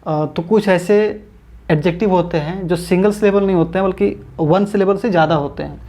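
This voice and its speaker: A man with a high, mellow voice teaches English grammar over the internet. He goes step by step, circles back to repeat himself, pronounces example words slowly, and refers to viewers as his friends.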